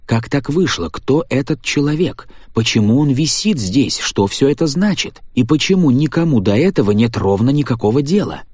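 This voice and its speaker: A man reading a story aloud in a measured, tense narrating voice. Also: mid-range voice, very animated, a little mellow, slightly rough, no echo, studio quality. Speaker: audiobook narrator. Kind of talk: scripted narration.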